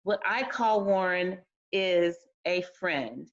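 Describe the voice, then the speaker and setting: A woman hosting a fundraising call, making an appeal in a measured delivery and introducing the keynote speaker. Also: fairly low pitch. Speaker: event host. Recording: dull lo-fi sound.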